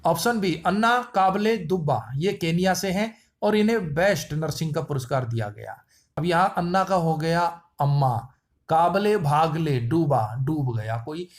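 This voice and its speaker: A man teaching general-knowledge quiz answers with playful wordplay and repetition. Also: high-pitched. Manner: playful wordplay, repeats lines. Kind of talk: memory-trick quiz lesson.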